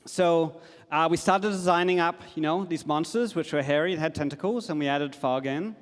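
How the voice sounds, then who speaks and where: A middle-aged man talks from a conference stage, casual and enthusiastic, with fillers sprinkled in. His voice sits a touch high for a man. The sound carries a long reverb from a large hall. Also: normal speed. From Australia. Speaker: conference speaker. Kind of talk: conference talk.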